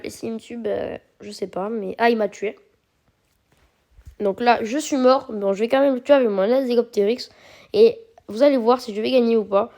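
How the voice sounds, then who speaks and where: A woman walks viewers through a mobile game in a casual, chatty way. Her voice sits a little higher than usual. She explains each step patiently, filling the gaps with small hesitations. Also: a little mellow. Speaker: mobile game video creator. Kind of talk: casual gameplay commentary.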